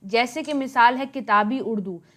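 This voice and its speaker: Woman, higher pitch, lecture, explanatory, mixes in English terms. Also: normal speed, fairly bright tone. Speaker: teacher.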